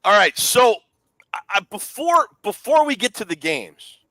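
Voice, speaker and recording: A man's voice: high-pitched, big pitch swings, unhurried, bright, forceful tone, dry recording. A man co-hosting a casual sports talk show, leading the discussion and teasing his co-hosts with questions. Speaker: podcast co-host.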